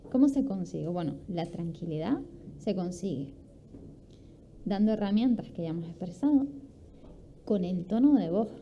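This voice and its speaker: A woman's voice: on the low side, expressive, normal speed, pauses often, a little hiss or hum. A woman giving an instructive talk at a sports conference. She explains as she goes, poses rhetorical questions and acts out examples. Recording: dull lo-fi recording with faint ambience.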